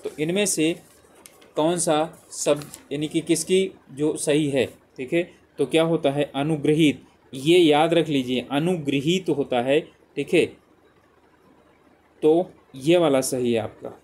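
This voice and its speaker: This male teacher takes it slowly, his slightly high voice a little mellow with a breathy edge. In an exam-prep lesson he covers spelling questions one by one, repeating the multiple-choice options aloud. He leans on "ठीक है" as a frequent check-in.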